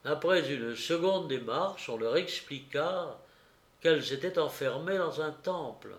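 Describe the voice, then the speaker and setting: A man reading a classic novel aloud in a slow, measured narration, lifting his voice for quoted shouts. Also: fairly high pitch, animated, reverberant. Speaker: audiobook reader. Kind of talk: literary narration.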